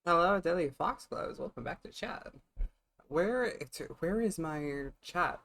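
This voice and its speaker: A talkative male streamer chats loosely with viewers and a co-host, cursing now and then between bites. His voice is bright and edged and sits a little high for a man. He swings from loud bursts to quiet asides. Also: animated, a little slow, vocal fry. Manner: chatty, swearing, talks while eating. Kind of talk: casual live-stream chat.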